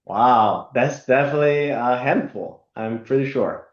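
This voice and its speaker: A man from Italy, speaking as an interview guest in a halting way with many fillers and restarts. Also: mid-range voice. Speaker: guest, company executive. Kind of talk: conversational interview. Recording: roomy, dull lo-fi remote audio.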